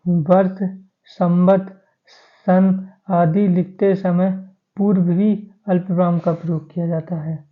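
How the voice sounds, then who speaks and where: Male grammar teacher, flat and slow, lists points by number, tinny phone-like recording. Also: high-pitched. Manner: steady, listing points by number. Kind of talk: exam-prep grammar lesson.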